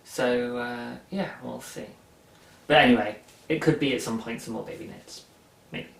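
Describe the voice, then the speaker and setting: Seated on his sofa at home, a young man hosts a knitting video podcast, chatting casually in a rambling, self-amused way full of ums. His voice is mid-range and creaky at a normal speed, picked up from a distance in an echoey room, slightly off-mic.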